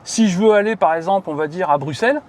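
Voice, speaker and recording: High-voiced chatty man outdoors. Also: fast talker, darkish tone, a little hiss or hum. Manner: chatty, many fillers, asks viewers questions. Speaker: channel host explaining electric cars. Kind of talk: casual explanatory chat.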